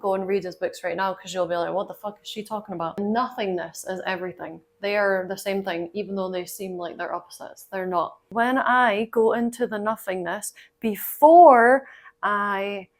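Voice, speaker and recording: A woman talking to camera in a casual vlog, bubbly and gushing, often acting out her own past thoughts and joking at herself. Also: mid-range voice. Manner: bubbly, gushing, self-mocking. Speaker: vlogger. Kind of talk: casual excited vlog talk.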